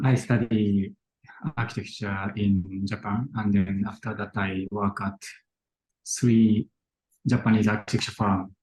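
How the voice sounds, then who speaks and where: Flat-voiced man architect, short halting answers. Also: lowish voice, low-quality recording. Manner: brief, halting sentences. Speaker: architect, firm co-founder. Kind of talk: interview answers.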